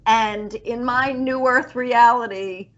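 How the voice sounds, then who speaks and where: A woman in her fifties talks slowly and with feeling, her voice sitting a little high for a woman. She rambles warmly as the show's resident psychic. The sound is dull and lo-fi. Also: steady tone. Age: 50s. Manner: slow, earnest, emotional and rambling. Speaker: resident psychic on a college radio show. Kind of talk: heartfelt farewell chat.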